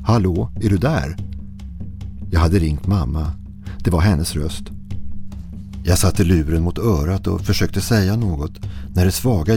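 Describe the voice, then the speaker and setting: A man narrating a listener's horror story in a slow, hushed, brooding manner. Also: low voice.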